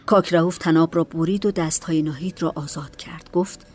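Woman narrating a story over soft music. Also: sits low, fairly even intonation.

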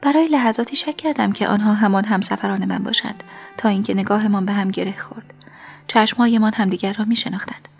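Woman narrator for a first-person audiobook; soft, half-whispered reading at a middling pitch. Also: gravelly, soft background music.

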